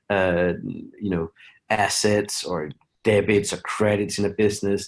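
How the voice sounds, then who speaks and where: Halting Danish-born man, low voice. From Denmark. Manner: halting, many restarts and fillers. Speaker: guest, company founder. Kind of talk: casual interview talk.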